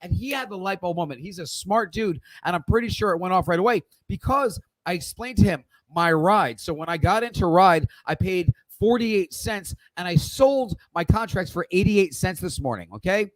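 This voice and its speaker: A man's voice: high-pitched, expressive, normal speed, few pauses, no echo, rough recording. A man hosting a live stock trading Q&A, lecturing viewers bluntly and swearing casually as he explains his rules. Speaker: stock trading livestream host.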